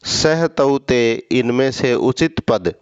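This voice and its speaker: A man's voice: mid-range voice, lively intonation, takes it slowly, smooth, no room sound, dull audio. A man teaching a school lesson, reading each line and then explaining it patiently, step by step.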